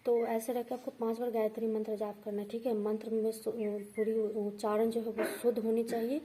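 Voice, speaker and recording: Here the same kind of devotional how-to comes from an astrology and vastu teacher, a woman whose high-leaning voice stays fairly flat in pitch and moves briskly. She goes through the ritual step by step, repeating points patiently and checking on her viewers, over a noisy background.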